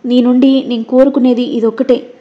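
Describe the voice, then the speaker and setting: A woman's voice: a little high, level tone, brisk, lo-fi sound, natural voice. Woman voicing Ashwi, tearful pleading sister. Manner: pleading, later sobbing and shouting. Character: young woman pleading with her brother, tearful.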